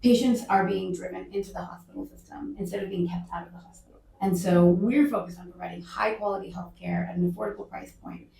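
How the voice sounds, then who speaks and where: Gravelly woman, roomy echo. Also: lowish voice, steady tone, fast, few pauses, mellow. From United States. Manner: articulate, emphatic, candid. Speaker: healthcare company founder. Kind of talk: interview answers. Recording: echoey room, mic at a distance.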